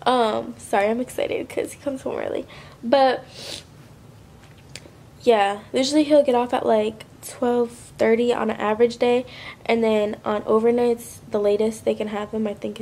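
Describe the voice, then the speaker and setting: Young woman vlogging, stuffy sick voice, gravelly fry, high-ish pitch, faint hiss behind. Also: mellow. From Florida. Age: 20s. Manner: chatty, slangy, rambling. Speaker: lifestyle vlogger. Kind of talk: casual vlog chat to camera.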